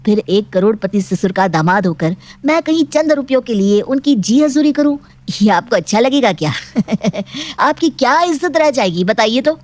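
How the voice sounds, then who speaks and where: A woman voicing a cocky, greedy, jobless young man in an animated storybook, cheeky and mocking. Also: fairly high pitch, normal speed, lightly acted.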